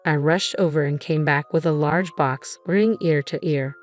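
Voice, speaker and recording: Low-voiced young woman narrating a story. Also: moderate pace. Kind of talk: scripted first-person story narration. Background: faint background music.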